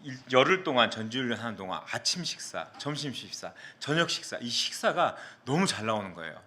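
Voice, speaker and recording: Animated, bright-voiced male pastor. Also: mid-range voice, brisk. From South Korea, Mokpo area. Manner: animated storyteller who acts out quotes. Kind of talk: sermon with personal storytelling.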